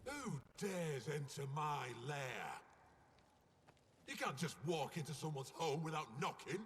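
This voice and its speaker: An actor playing a cranky, pompous talking turtle in a video game, blustering with indignation. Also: male voice, fairly high pitch, animated, unhurried, noisy background. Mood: haughty, offended. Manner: blustering, pompous, shouting outrage.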